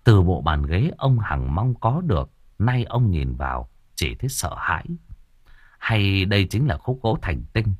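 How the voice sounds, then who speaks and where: A man narrating a horror story for an audiobook with expressive storytelling. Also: deep voice, measured pace, breathy edge, dry recording, clean studio sound.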